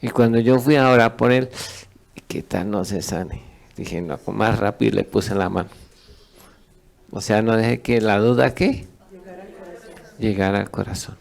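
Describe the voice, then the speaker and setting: A man's voice: on the low side, lively intonation, normal speed, gravelly, pauses often, darkish tone. A man, a pastor teaching a sermon who asks his congregation questions and lets them answer.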